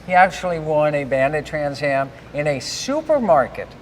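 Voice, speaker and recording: A man hosting a live giveaway stream, giving shout-outs and recapping in repeated announcer-like phrases. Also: on the high side, big pitch swings, moderate pace. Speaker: host of a live giveaway show. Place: large garage with a stage. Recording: echoey hall with faint background noise.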